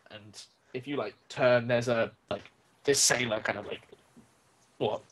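A man's voice: mid-range voice, normal speed, fairly bright tone, a little hiss or hum. A young man narrating a tabletop game as game master, in a loose, rambling way with lots of fillers.

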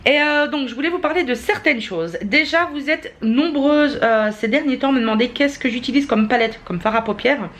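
A woman's voice: high-pitched, normal speed, hardly any pauses. A young woman, chatting casually to camera at home in a vlog, with lots of fillers and self-mocking laughs. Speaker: vlogger. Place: at home, indoors. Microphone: camera mic, handheld and held by partner.

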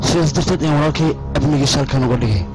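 A man's voice: fairly high pitch, racing, lightly acted, low-quality recording. A man with a Somali accent playing a guarded, determined character in a crime film dub, terse and firm. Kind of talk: dubbed film acting. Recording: film dub with music behind.

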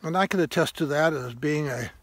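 Pondering aloud on a woodland walk, this senior man, a retired parish priest who vlogs, has a somewhat high voice and a preacherly yet informal style. He speaks hesitantly and thoughtfully, repeating phrases for emphasis, in an outdoor sermon to camera along a grassy trail. A handheld phone at arm's length records him without echo.

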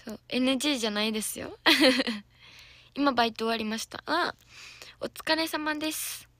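Casting: young woman, Kansai accent, hoarse today, bright edge, giggly livestream chat. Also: sits high, moderate pace, dry recording. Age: young adult. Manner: giggly, chatty, answering viewer comments. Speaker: idol trainee. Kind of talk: casual livestream chat with viewers. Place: soundproof lesson room.

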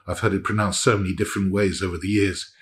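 A man narrating his workshop project in a relaxed, chatty way, with frequent ums and restarts. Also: low voice, fast, breathy edge. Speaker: maker showing his knife-making project. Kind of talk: casual workshop vlog narration.

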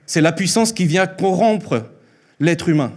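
With lively intonation and a high-pitched voice, a Mexican-born man in his thirties preaches earnestly in a church hall using a handheld mic. Spanish is his first language, and he repeats phrases for emphasis, slowing down on key lines.

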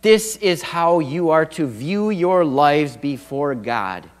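A middle-aged pastor preaches a sermon from a wooden pulpit in a church sanctuary, earnest, with swells of emphasis. His voice is on the high side with lively intonation at a slow pace, and long church reverb surrounds it.

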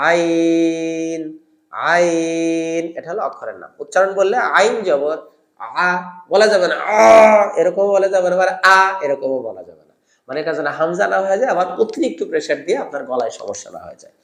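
A man with a Bangladeshi Bengali accent leads a lesson on Arabic letter pronunciation, patiently repeating each sound slowly so learners can follow. His voice sits a little high for a man, and the recording carries a noticeable room echo. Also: fairly bright tone. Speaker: Quran recitation teacher.

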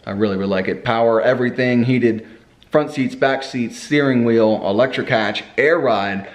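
Young man, mid-range pitch, slight lisp from braces, casual rambling vlog chat, car vlogger. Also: normal speed. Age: young adult. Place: indoors in a home kitchen. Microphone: camera at arm's length or on the table.

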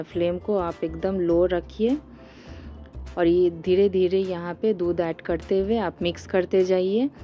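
Mellow-voiced woman explaining a recipe. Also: lowish voice, highs cut off. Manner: calm step-by-step instruction with hesitations. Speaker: cooking channel host. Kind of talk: voice-over cooking tutorial.

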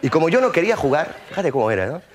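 A man performing a comic stage monologue, an animated storyteller who drops in mouth sound effects and chatty tag questions. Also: fairly high pitch, racing, crowd noise. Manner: conversational, with frequent tag questions. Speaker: stand-up comedian. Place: theater stage.

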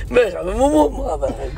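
Gravelly rapid-fire man. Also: very high voice, sing-song, a crowd in the background. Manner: earnest and insistent, swears he means it. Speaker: vlog host. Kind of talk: casual chat. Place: inside a car.

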